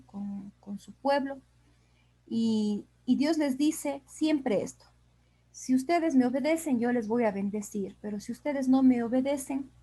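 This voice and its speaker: A woman with a fairly high but mellow, warm voice teaches a Bible study. She speaks unhurriedly, with fillers and small restarts, and reads long scripture passages aloud. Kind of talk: Bible study lesson with slides.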